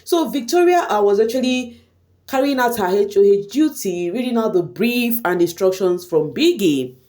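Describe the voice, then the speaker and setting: An online reality show commentator, a woman with a Nigerian accent whose first language is Igbo, dishes casual gossip directly to her viewers. Her medium-pitched voice moves at normal speed, animated and peppered with Pidgin slang.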